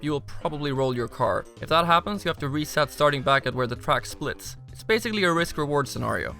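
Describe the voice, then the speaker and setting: A man's voice: a little high, bright, forceful tone. A man narrating a scripted game review as host, with wry, sarcastic asides.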